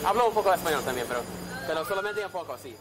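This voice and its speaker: High-voiced man speaking Spanish. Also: animated, rapid-fire, loud music behind the voice. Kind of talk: casual bilingual small talk.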